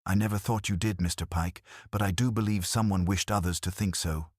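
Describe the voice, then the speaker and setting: A man voicing a gentle, shrewd elderly lady detective in an audiobook, speaking softly and politely. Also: sits low, steady tone, a little fast, no echo, studio quality. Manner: soft, polite and probing.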